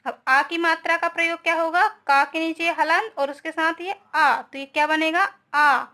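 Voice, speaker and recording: A woman's voice: extremely high pitch, fairly even intonation, moderate pace, bright, forceful tone. A young woman teaching a grammar lesson, explaining step by step and often checking with her students.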